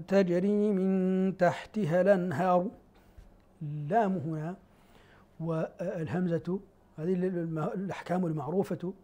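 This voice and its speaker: A man teaching the variant Quran readings in a televised lesson. He switches between spoken explanation and slow, melodic recitation of verses and rhyming rule poems. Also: on the high side, dark tone. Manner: quotes didactic verse rules in a chanting rhythm. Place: television studio.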